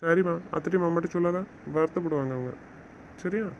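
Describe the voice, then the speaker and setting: A man's voice: on the high side, a little fast, close to an everyday voice. A man as a scolding, coaxing husband. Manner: scolding, lecturing, then coaxing. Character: stern but loving young husband. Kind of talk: audio drama acting. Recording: dull lo-fi recording with faint noise.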